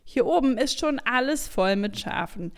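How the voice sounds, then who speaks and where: A woman's voice: fairly high pitch, animated, normal speed, pitched above the performer's own voice. A woman voicing a wary, suspicious flock of sheep on a rock, speaking sternly and indignantly, reading aloud from a storybook.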